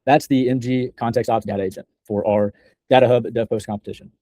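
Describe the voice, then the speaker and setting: A young man giving a scripted software demo in a deliberate, measured, slightly halting way, as a developer presenting a project. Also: mid-range voice, fairly even intonation, no echo.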